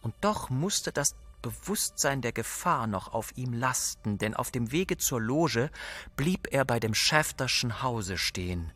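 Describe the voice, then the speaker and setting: A man reading a story aloud in a measured, steady way. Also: mid-range voice, soft background music. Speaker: audiobook narrator. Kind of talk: scripted narration.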